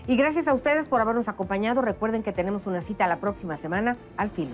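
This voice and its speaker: A woman's voice: mid-range voice, fast talker. Lady host, easy rambling questions, faint music under. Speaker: interview host. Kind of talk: talk show interview.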